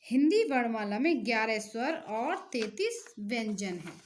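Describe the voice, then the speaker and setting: Slow, high-voiced woman teacher. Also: very animated. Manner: slow, explanatory, sounds out letters one by one. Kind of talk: classroom lesson.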